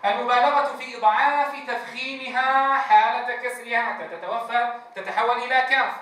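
A man's voice: very high-pitched, fairly even intonation, pushed and bright. A man teaching Quran recitation, drawing out letter sounds for a class to repeat and quizzing them on each letter. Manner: drawn-out demonstrations of letter sounds, asks the class questions. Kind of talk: tajweed lesson with call-and-response drills. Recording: echoey room, distant mic, faint noise.

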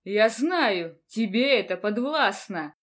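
Woman reading as earnest young man, slow, solemn, firm, storybook voice. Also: fairly high pitch, lively intonation.

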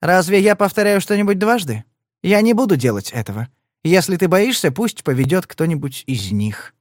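A man's voice: sits high, very animated, moderate pace, dry recording, clean studio sound, voice pushed up. A male reader voicing a furious young gangster's woman who shrieks and mocks. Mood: shrill, scornful. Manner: shrieking, scornful.

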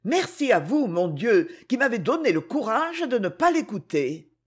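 A sincere young heroine, voiced by a woman reading a novel aloud, speaks earnestly and gently. Her voice rises and falls with lively pitch movement. It carries a soft, breathy huskiness. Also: moderate pace.

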